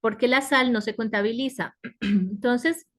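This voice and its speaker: Slow, explaining woman teacher. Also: a little high, a bit bright. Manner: slow, explanatory, asks "¿sí?" and "¿cierto?". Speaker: English teacher. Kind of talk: online class lecture. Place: video call.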